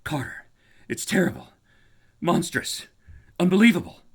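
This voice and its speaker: A man voicing a terrified, doomed explorer in a horror story, pleading in urgent, quavering, hoarse exclamations. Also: on the high side, lively intonation, a little slow, pitched above the performer's own voice, heavily acted. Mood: horrified awe. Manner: breathless short exclamations and pleas. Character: terrified doomed man calling up from a tomb by telephone.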